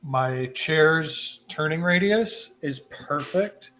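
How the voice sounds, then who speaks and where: Bright, goofy young-sounding man. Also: a little high, extremely slow. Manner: goofy, casual. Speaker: developer advocate, co-host. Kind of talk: casual group livestream chat.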